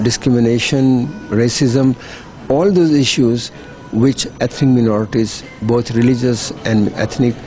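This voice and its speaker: This middle-aged NGO worker from Pakistan speaks in a warm, medium-pitched voice, answering interview questions earnestly and persuasively at a hotel. The audio is poor, and he frequently repeats words as he starts over.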